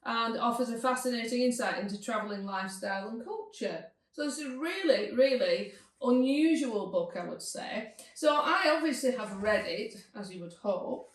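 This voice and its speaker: A woman's voice: a little high, lively intonation, normal speed, few pauses. Chatty woman in an echoey room. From Lancashire, England. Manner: chatty, enthusiastic, with fillers. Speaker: podcast host. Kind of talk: casual chat and read-aloud. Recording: echoey room, distant mic.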